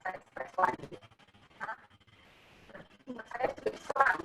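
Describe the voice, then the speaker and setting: A young woman giving an emotional personal testimony in church, halting and often adding a soft "ya". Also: slight background noise, poor audio.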